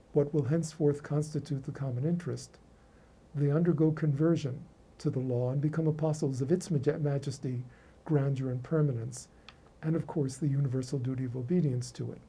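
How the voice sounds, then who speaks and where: Casting: male academic lecturer, professorial and erudite, formal measured reading, deeply mellow, husky tone. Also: rough recording.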